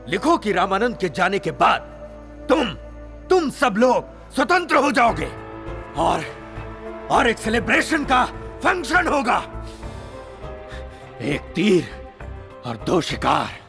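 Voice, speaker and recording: An actor playing a domineering home minister who bullies subordinates and erupts into shouting. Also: male voice, fairly high pitch, gravelly, heavily acted. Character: furious corrupt home minister, male, commanding.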